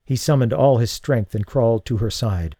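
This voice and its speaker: A man giving a dramatic audiobook narration of a thriller, measured and slowing for tense beats. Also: medium pitch, mellow, dry recording, studio quality. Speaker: audiobook reader.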